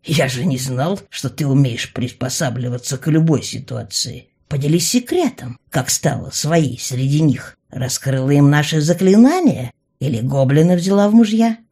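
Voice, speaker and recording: A woman's voice: deep voice, animated, moderate pace, few pauses, warm tone, husky, exaggerated voice. A woman voicing a sly, mocking young male mage who drawls and teases. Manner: drawling, teasing.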